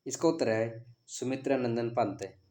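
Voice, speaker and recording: A man's voice: mid-range voice, measured pace, mellow. A man teaching an exam practice lesson, reading out each question and its options, then giving the answer and repeating key words as a question. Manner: quizzing, reads options then gives answers.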